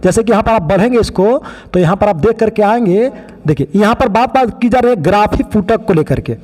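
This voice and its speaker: A man's voice: sits high, a little fast, a little mellow, in a large hall. A man teaching biology, pointing out other teachers' mistakes in a critical, explaining way. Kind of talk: online lesson commentary.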